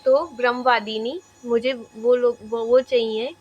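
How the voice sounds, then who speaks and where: High-voiced woman teaching slowly. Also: fairly even intonation, breathy edge, dull audio. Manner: repetitive, checks in with "है ना"; mixes English terms into Hindi. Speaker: exam-prep teacher. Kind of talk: classroom lecture.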